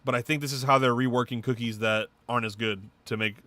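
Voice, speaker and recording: A man co-hosting a podcast, rattling off game news in casual, swearing slang with excitement. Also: mid-range voice, quick pace, dry recording. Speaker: podcast co-host. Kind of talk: casual chat.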